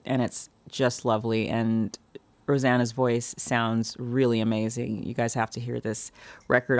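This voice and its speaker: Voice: medium pitch, dry recording. Enthusiastic podcast host, chatty delivery, dry close mic. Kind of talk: podcast intro and interview.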